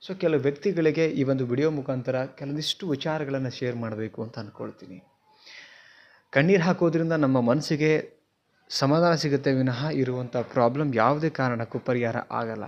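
A man's voice: mid-range voice, normal speed, highs cut off. A man with a Kannada accent giving an earnest motivational talk to camera, asking the viewer questions on a simple mic. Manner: earnest, questions the viewer, mixes in English words. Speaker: motivational speaker. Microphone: simple mic, not professional.

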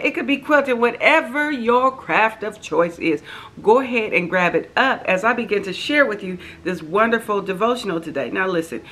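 A woman's voice: on the low side, a bit bright. A middle-aged American woman chatting to camera as a host, in an effusive, folksy way full of endearments. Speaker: host of a crafting devotional channel. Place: living room sofa, indoors.

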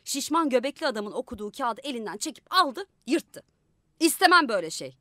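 A woman narrates a literary short story in a radio studio, her voice sitting a little higher than most. The recording is close and dry. She brings the characters to life with shifts in pitch and loudness. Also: big pitch swings, brisk, no echo. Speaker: audiobook narrator.

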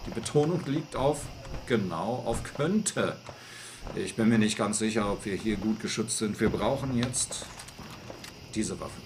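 A man giving live gameplay commentary, talking to himself and jumping into shrill bursts of panic. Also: background noise. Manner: excitable, talks to himself, jumps up to shrill panic. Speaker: let's play host.

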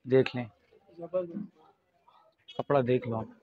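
A man in his thirties with a Pakistani accent, giving an informal, repetitive sales pitch as a fabric shop salesman. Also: little pitch movement, slow pace. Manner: repetitive, price-quoting salesman's patter. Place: small fabric shop indoors. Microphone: lapel mic. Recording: dull, muffled lo-fi audio.

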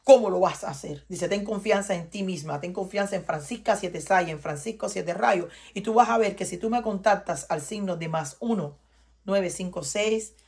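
A woman's voice: medium pitch, normal speed, darkish tone, breathy edge. A Cuban woman with a Cuban Spanish accent giving an emphatic, preachy tarot reading to her viewers, often repeating herself. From Cuba. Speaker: tarot reader.

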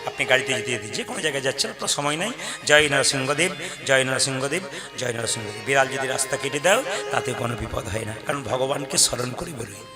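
A man's voice: medium pitch, expressive, rapid-fire. A man, a kirtan singer and preacher, gives a folksy devotional sermon, speaking straight to his listeners and acting out little dialogues. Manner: folksy, addresses audience directly, acts out dialogues. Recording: live with music accompaniment. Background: music.

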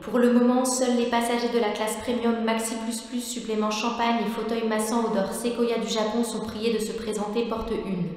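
A woman playing a formal spaceport announcer, heard over a PA system in measured announcement tones. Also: a little high, flat delivery. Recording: echoey hall with long reverb, music behind.

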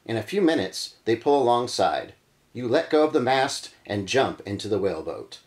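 A man hosting a read-through, reading a gamebook aloud with lively, dramatic emphasis and adding casual comments. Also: medium pitch, normal speed. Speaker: channel host reading a gamebook.

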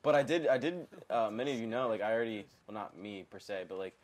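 A man's voice: on the low side, animated, fast talker. A young man co-hosting a casual let's-play, rambling and restarting his sentences, swearing freely. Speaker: gaming channel co-host.

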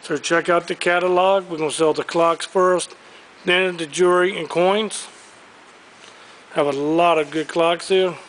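An auctioneer gives a preview walkthrough of a large indoor auction warehouse, upbeat and enthusiastic as he shows off the items for sale. His fairly high, slightly bright voice is a little slow with fairly even intonation. The handheld camera he carries picks up slight background noise.

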